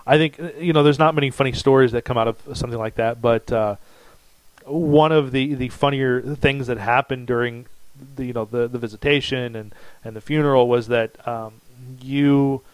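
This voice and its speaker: A man's voice: medium pitch, steady tone, normal speed, clear, resonant tone, dry recording, poor audio. A middle-aged man, co-hosting a casual chat and telling a long rambling story with many restarts. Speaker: podcast co-host.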